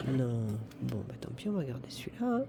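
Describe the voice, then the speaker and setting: A woman's voice: a bass voice, very animated, brisk, creaky, dark tone, a little hiss or hum. A woman in her fifties from northern France, chatting to the camera and counting aloud as she does her budget, with a self-mocking manner. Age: 50s. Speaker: budget vlogger. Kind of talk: casual talk to camera while doing budget envelopes.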